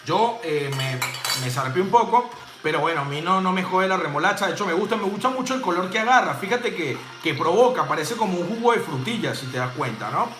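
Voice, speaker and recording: A man's voice: high-pitched, animated, a little fast, fairly bright tone. A man teaching drink-making live, chatty and jokey, tossing in playful sound effects and casual swearing. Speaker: bartending instructor. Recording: roomy home space with music playing.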